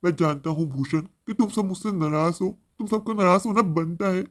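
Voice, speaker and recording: A man's voice: high-pitched, moderate pace, natural voice. A man voicing a remorseful grown son. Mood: anxious. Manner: earnest, pleading.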